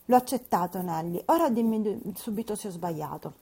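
A willful young woman in an audiobook, her voice lifted high and pressed hard, full of capricious outbursts, as a woman narrator does her. The tone stays slightly husky and breathy. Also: lively intonation, a little fast, dark tone. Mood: insistent. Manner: pleading, capricious, passionate outbursts. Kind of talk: audiobook character reading.

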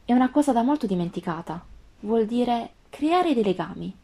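A woman voicing a gentle, wise female fox with a calm, earnest tone in a storybook reading. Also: a little high, moderate pace, gravelly, pitched above the performer's own voice.

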